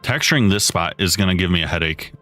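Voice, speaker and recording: Deep-voiced man streaming casually. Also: quick pace. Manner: relaxed, rambling, talks to chat. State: has the hiccups. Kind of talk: casual live-stream chat while building. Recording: dry close mic, faint music behind.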